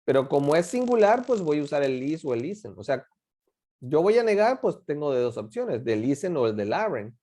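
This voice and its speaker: Lively, mellow-voiced teacher. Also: medium pitch. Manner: drills words slowly and quizzes the class with questions. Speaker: English teacher. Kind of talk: classroom instruction in Spanish and English.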